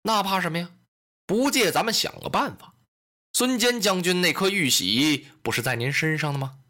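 A man voicing a cheerful, shrewd middle-aged strategist who gives relaxed, knowing advice. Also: high-pitched, moderate pace. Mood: scheming.

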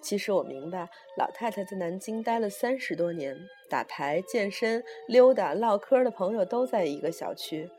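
A woman reading a story aloud in the first person, with a brisk and wry telling. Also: medium pitch, animated, mellow, faint music behind.

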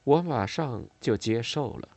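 A man narrating a novel in a measured reading style with expressive, varied intonation. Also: medium pitch, no echo. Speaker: audiobook narrator.

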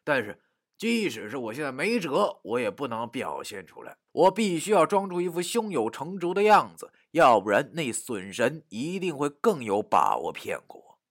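A man narrating a first-person story, dramatic, dropping to a hush and rising to shouts. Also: medium pitch, moderate pace, dry recording, clean studio sound. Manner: animated, dramatic, swings from hushed to shouting.

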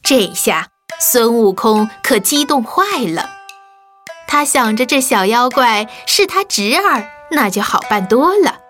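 A woman narrating a children's story in a lively, expressive way. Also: a little high, takes it slowly. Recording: faint music behind.

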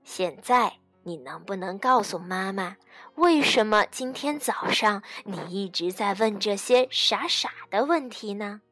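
Storybook mother voiced by a woman, loving, patient, soft, gentle, dry close sound. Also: mid-range voice, expressive, measured pace, no room sound, faint music behind, voice pushed down. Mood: tender.

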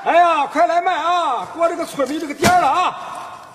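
An actor playing a blustering street stationery vendor who loudly hawks his goods. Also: very high-pitched, huge pitch swings, a little fast, crowd noise, background noise, full character voice. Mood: hawking. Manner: loud hawking, blustering. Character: pushy shouting male street stationery vendor. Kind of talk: sitcom acting.

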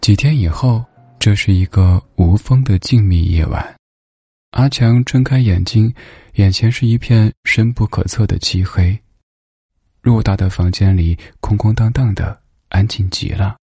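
A man narrating a storybook in a gentle, unhurried way. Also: lowish voice, breathy edge, dry recording, studio quality.

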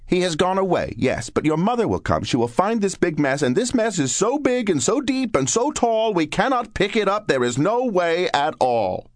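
Storybook fish voiced by a man: high, shrill and anxious, scolds nonstop, pitch leaping all over, music underneath. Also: sing-song, moderate pace, few pauses, no echo, studio quality. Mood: fretful. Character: fretful scolding pet fish in a pot. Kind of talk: storybook read-aloud.

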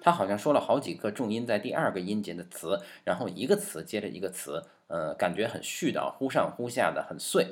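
A man's voice: on the low side, animated, brisk, few pauses. A man hosting a music history lesson, explaining in a playful, jokey way and talking to his piano. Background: piano playing.

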